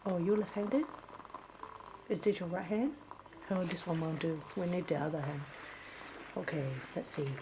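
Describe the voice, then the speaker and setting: A woman playing a blunt, teasing palm reader in an ASMR role-play, with a Singaporean or Malaysian English accent, clipped grammar and deadpan, musing delivery. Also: lowish voice, normal speed, long pauses, lightly acted. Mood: musing, matter-of-fact. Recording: clear steady background noise.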